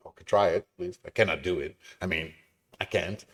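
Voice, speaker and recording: A man's voice: sits low, fairly even intonation, fairly quick, fairly bright tone. A man chatting casually with his live-stream viewers in a chatty, apologetic, easily amused way. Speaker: game dev streamer.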